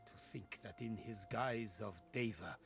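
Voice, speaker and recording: A grave, scholarly demon hunter from a fantasy game. His gravelly voice moves slowly and formally, with courtly drama, over prominent music. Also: on the low side. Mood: solemn, grateful. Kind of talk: video game voice acting.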